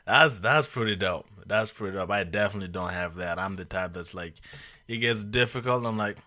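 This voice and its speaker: A man in his twenties hosts a podcast in loose, joking conversation. He rambles and circles back on his own questions. His voice is low-pitched with a bright, forceful tone. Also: fairly quick. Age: 20s. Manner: rambling, hesitant, many fillers and restarts, joking. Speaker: podcast host. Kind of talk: casual chat.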